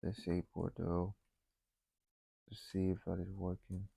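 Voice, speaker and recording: A man talking himself through a coding tutorial, thinking aloud with frequent pauses and fillers. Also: low voice, monotone, creaky, dark tone, husky, no echo, rough recording. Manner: thinking aloud, many ums and restarts. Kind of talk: casual screen-recorded coding walkthrough.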